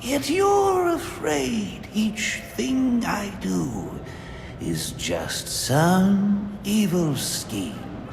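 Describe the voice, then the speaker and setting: An actor playing a manic, theatrical, mocking clown villain in a video game, with a cackling, gleeful delivery. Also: male voice, high voice, heavily acted. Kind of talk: video game villain acting, partly crooned song. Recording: echoey hall reverb, music behind.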